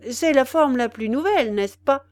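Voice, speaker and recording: A woman's voice: high-pitched, expressive, normal speed, no echo, pitched above the performer's own voice. A woman voicing a vain, foppish young male officer in a storybook reading, chattering and boastful.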